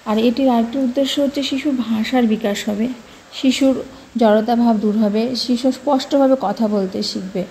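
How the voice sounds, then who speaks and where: A woman, hosting a channel, calmly explaining a classroom practice in a voice-over and signing off. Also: a little high, moderate pace, slight background noise, rough recording. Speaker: channel host.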